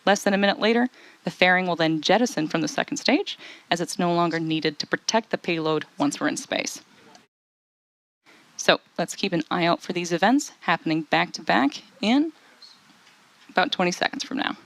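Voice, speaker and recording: A woman presenting live launch commentary as a webcast host, explaining things in a clearly enunciated presenter style. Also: fairly low pitch, lively intonation, moderate pace, no echo.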